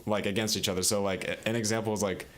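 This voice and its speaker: A man's voice: on the low side, flat delivery, fast talker, fairly bright tone. A young man with hiccups, explaining things in stop-start bursts and repeating his words before he gets going. A faint hiss sits under his voice. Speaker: podcast co-host. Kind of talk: casual chat among friends.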